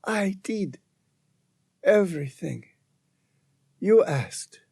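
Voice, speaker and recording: A man voicing a desperate woman scientist trapped in the ice and dying, speaking in halting, pleading phrases in an audiobook. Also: high-pitched, animated, gravelly, darkish tone, slightly rough, no room sound, voice pushed up, full character voice. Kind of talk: audiobook narration.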